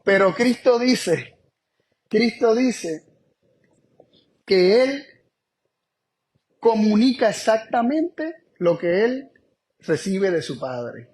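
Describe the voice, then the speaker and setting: A man with a notably high voice preaching a Bible study sermon. He leans hard on key phrases and repeats them, slowing right down for emphasis and then hurrying through his asides. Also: big pitch swings, a little mellow. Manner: emphatic, repeats key phrases, shifts between slow stress and quick asides.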